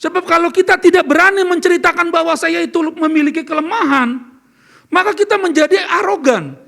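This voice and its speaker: A man's voice: extremely high pitch, brisk, vocal fry, pushed and bright. A man preaching a sermon as pastor, earnest and questioning, asking the congregation questions as he speaks. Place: church service.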